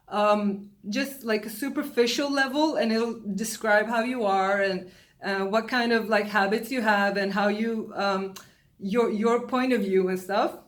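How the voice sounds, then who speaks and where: A woman who grew up in Sweden, an astrologer, talking casually to camera from her home, with many fillers and restarts. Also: fairly high pitch. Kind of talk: casual vlog talk to camera.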